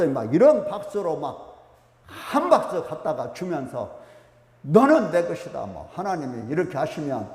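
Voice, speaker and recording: A man preaching a sermon as pastor, animated, rising to emphatic peaks and dropping to quiet asides. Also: fairly high pitch, reverberant, long reverb tail. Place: church sanctuary.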